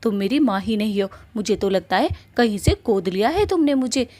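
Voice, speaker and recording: A woman's voice: mid-range voice, animated, brisk, mellow, natural voice. A woman voicing a fiery, defiant young witch bride in a cartoon story, hurling insults and threats.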